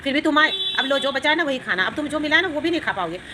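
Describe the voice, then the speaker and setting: A woman's voice: sits high, fast talker, sharp tone, a little hiss or hum. A woman voicing a stingy, bad-tempered old village woman in a told story, snapping and scolding. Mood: indignant.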